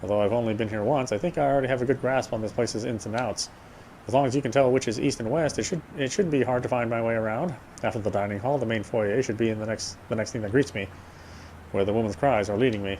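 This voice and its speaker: A man with a medium-pitched, slightly mellow voice speaks quickly as he hosts a playthrough of a horror visual novel. He reads it aloud dramatically in a brooding way, now and then tripping over words. Background noise can be clearly heard.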